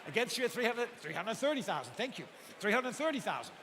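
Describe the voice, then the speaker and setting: A man's voice: high voice, very animated, quick pace, pushed and bright. A man working as an auctioneer, calling live bids in repetitive, insistent runs of numbers while politely addressing bidders. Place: large auction hall with bidders present. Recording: echoey hall PA with background noise.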